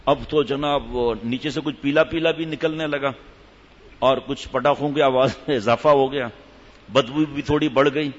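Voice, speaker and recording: A man's voice: mid-range voice, steady tone. Man telling a comic story in a hall. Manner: jokey, asks the audience rhetorical questions. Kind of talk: humorous storytelling to an audience. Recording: echoey hall, slightly dull sound.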